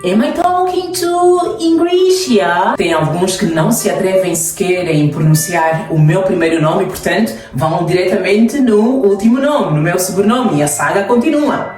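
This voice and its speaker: A woman teacher with a European Portuguese accent talks straight to her students, playful and teacherly, in a lowish voice. She sounds far from the microphone in a very echoey room. Faint music plays underneath. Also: normal speed, hardly any pauses, darkish tone. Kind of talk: lively video lesson.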